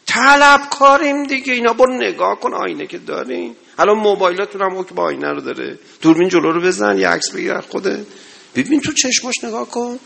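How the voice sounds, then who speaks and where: A man preaching a sermon to a gathering, impassioned, swinging between loud exhortation and low murmurs. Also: expressive, creaky, husky. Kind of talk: religious sermon.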